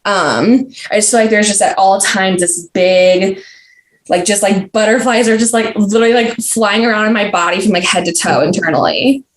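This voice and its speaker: A woman's voice: mid-range voice, normal speed. Rambling young woman in a roomy room. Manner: rambling, filler-heavy, restarts often. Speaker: podcast guest. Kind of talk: casual conversational interview. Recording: roomy echo.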